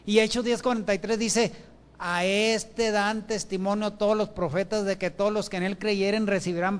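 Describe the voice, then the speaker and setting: A man preaches a sermon through a microphone in a church. His voice sits high for a man, and he reads scripture verses aloud. He poses questions to the congregation and answers them himself. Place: church with benches. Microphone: handheld or stand microphone.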